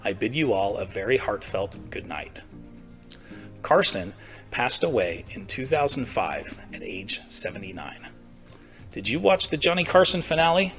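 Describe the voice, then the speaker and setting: A middle-aged man from the United States hosting a history show, reading scripted narration in a crisp, presentational way. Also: medium pitch, pushed and bright. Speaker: host of a daily history show. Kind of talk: scripted narration for online video. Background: background music.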